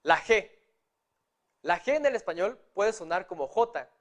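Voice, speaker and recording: A man's voice: high voice, animated, a little slow, a bit bright. A man teaching a lesson, patiently spelling out syllables one at a time. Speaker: Japanese teacher. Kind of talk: online language lesson.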